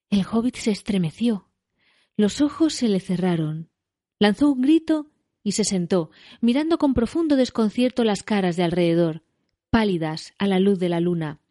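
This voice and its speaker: A woman reading a novel aloud as scripted narration, measured and dramatic. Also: mid-range voice, dark tone, no room sound, studio quality. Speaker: story reader.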